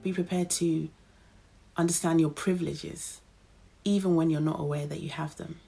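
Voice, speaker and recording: Deep, gravelly, husky-voiced woman. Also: fairly even intonation, normal speed, mellow, faint music behind. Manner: earnest, advising. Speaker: interviewee. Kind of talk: reflective interview answers.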